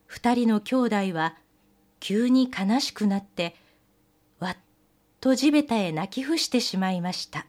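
A woman narrating a fairy tale in a gentle, old-fashioned polite manner. She speaks fairly high and takes her time over each phrase, in an unhurried storybook style. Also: expressive.

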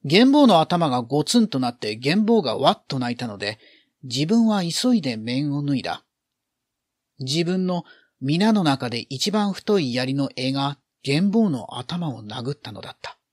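A man's voice: fairly high pitch, sing-song, unhurried, dry recording. A man reading a literary story aloud, expressively acting out the feelings in the narration.

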